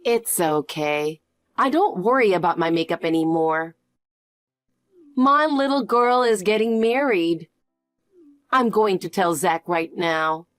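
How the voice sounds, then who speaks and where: A woman's voice: fairly low pitch, lively intonation, slow pace, dry recording, faint music behind. A woman voicing a loving middle-aged foster mother who talks in an emotional, gushing way. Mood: tender. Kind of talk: animated story voice.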